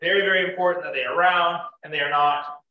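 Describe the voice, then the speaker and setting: Speaking quickly with a steady tone, a young man on the high side chats loosely through a casual slide-show talk on beekeeping, with many fillers and restarts. The audio is dull, picked up by a far-off camera in an echoey indoor meeting room.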